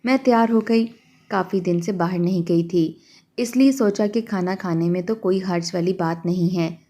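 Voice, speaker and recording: A woman telling a first-person story in a steady, confiding way. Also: on the low side.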